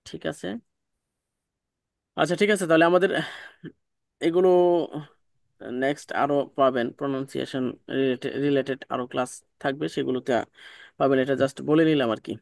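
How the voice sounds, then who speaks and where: A man's voice: mid-range voice, fairly even intonation, normal speed, gravelly, pauses often, no room sound, studio quality. A man teaching an online pronunciation class, patient, repeating sounds and checking that students follow. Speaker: English teacher.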